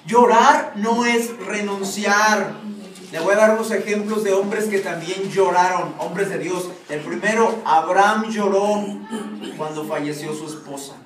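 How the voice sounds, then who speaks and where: A man's voice: sits high, a little slow, a bit bright. A male pastor preaching a sermon, often asking his congregation questions. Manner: asks the congregation frequent questions. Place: church hall. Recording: echoey room from far off, noisy.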